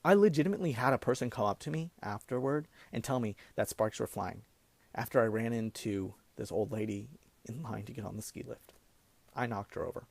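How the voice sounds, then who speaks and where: A young man telling a comic personal story in an animated way, now and then breaking into laughter. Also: mid-range voice, fairly quick, gravelly.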